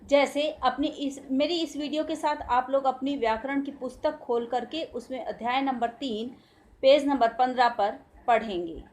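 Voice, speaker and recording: Casting: high-pitched woman teacher, Indian Hindi accent, patient and slow, stretches out each syllable for small children to repeat. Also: fairly even intonation, darkish tone. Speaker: school teacher. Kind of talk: recorded Hindi grammar lesson for young children.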